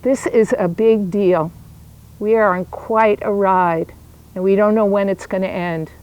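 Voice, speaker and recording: A woman's voice: mid-range voice, fairly even intonation, a little slow, clear, resonant tone, dull audio. An older woman talking informally to camera outdoors in a backyard, addressing viewers in a chatty, welcoming way as an artist presenting work. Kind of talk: informal video talk to camera about own artwork.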